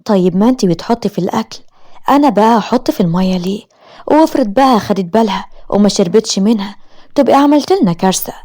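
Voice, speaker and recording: A woman with an Egyptian accent voicing a whiny, greedy teenage sister-in-law in an animated story. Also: medium pitch, fast, close to an everyday voice. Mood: alarmed. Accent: Egyptian Arabic.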